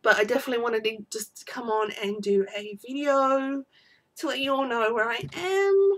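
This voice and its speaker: A woman's voice: a little high, fairly even intonation, normal speed, a bit bright. A woman vlogger talking in an unedited personal video diary, teary with her voice breaking, rambling and apologetic.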